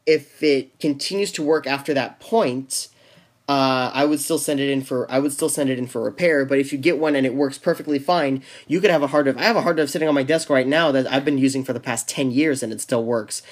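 A man's voice: mid-range voice, fairly quick. A young man co-hosting a casual podcast chat, rambling with frequent restarts and fillers. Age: young adult. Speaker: podcast co-host.

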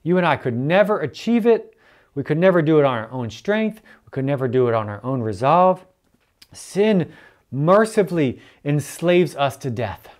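Church elder, earnest preaching, repeats for emphasis, very lively intonation. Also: medium pitch, moderate pace.

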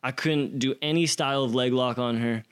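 A man's voice: mid-range voice, steady tone, fairly quick, clean tone. A young man casually telling a story as an interview guest, acting out quotes with slang and swearing.

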